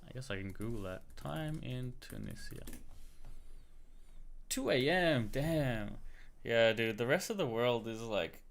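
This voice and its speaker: This male livestream host, Australian but with an American-sounding accent, greets viewers and chats to himself as he searches his computer. His medium-pitched voice is gravelly, with lively intonation, a measured pace and frequent pauses. Keys clack and a mouse clicks in the background.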